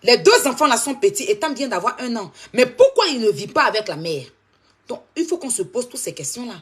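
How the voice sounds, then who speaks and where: A woman's voice: fairly high pitch, very animated, fairly quick, husky. A woman hosting a live stream, talking straight to her viewers and repeating her points insistently.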